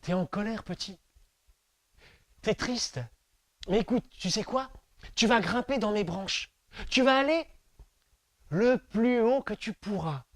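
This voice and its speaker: A man voicing a kindly old talking tree in a told story, soft and coaxing like a patient father. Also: sits high, big pitch swings, normal speed, no room sound, studio quality. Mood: tender.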